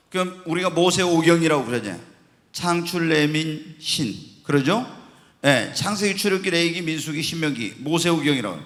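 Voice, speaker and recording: Male pastor, high and bright voice, Bible sermon with long church reverb, asks and answers his own questions. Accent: Korean. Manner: asks the congregation questions and answers them himself. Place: church sanctuary.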